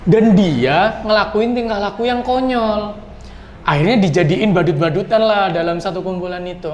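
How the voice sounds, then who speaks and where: A chatty podcast host with a high-pitched voice talks at normal speed in a casual chat. He's an animated storyteller who repeats words, recorded in an echoey room with light noise.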